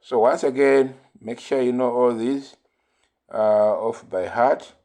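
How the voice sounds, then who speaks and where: A man teaching a physics lesson, explaining slowly and repeating key points between fillers like "uh". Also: medium pitch, dark tone. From Malawi. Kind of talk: recorded classroom lesson.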